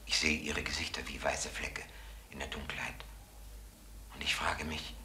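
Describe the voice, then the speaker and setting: An actress as a witness recalling events in a quiet, hushed way. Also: female voice, very deep voice, little pitch movement, moderate pace, echoey room, a little hiss or hum.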